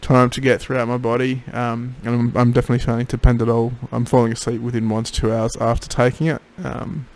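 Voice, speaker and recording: Male, casual video diarist, worn out after throat surgery, creaky mid-pitched voice, low energy. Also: little pitch movement, fast talker, hardly any pauses, darkish tone. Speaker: patient keeping a recovery video diary. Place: home office.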